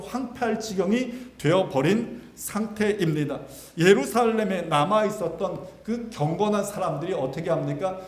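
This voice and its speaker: A man's voice: sits high, a little mellow. A male pastor preaching a sermon with dramatic swings of emphasis, speaking directly to his congregation. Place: church sanctuary. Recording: echoey church sanctuary.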